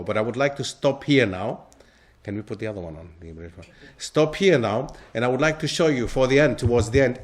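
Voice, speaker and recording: Male lecturer, mid-range voice, keeps asking the room questions. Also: mid-range voice. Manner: quizzes the audience with frequent questions. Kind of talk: interactive lecture to a live audience. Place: lecture hall.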